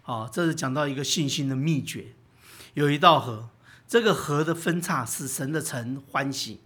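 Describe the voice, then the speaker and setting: Bright-voiced male preacher. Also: medium pitch, normal speed, slightly rough. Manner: asks rhetorical questions and answers them himself; animated storytelling with sudden loud bursts. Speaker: pastor. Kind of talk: sermon.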